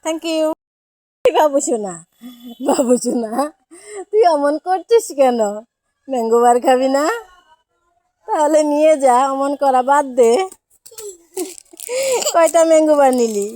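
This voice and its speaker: A woman's voice: sits high, unhurried, long pauses, warm tone, no echo, studio quality. A woman talking to her baby in playful, coaxing, sing-song baby talk.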